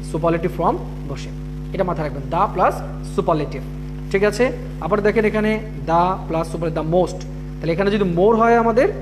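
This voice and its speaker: A man's voice: high voice, noisy background. A man teaching an English grammar class, repeating each rule and often checking that students follow. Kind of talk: live online class.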